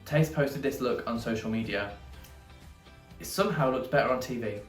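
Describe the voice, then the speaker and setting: A man's voice: mid-range voice, moderate pace. A man co-hosting a casual review chat, chatty and detailed about how things are made. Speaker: podcast co-host. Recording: echoey room, distant mic, faint music.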